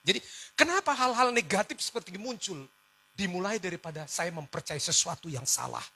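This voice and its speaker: A male pastor preaching, telling a personal story in an animated way, swinging from loud outbursts to hushed words. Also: sits high, brisk. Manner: animated storytelling, switching between shouts and hushed tones, laughing along.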